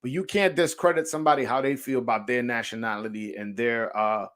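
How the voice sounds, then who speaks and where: Brisk and fairly bright, this New York-accented man's mid-range voice carries a boxing livestream where he chats casually with viewers' comments. Expect slang, profanity and lots of stammering restarts.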